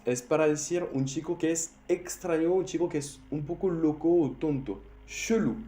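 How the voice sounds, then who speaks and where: A man's voice: mid-range voice, warm tone. Man teaching slang in Spanish. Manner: non-native Spanish, repeats words slowly to drill them. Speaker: French teacher. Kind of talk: slang vocabulary lesson. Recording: roomy echo, faint music.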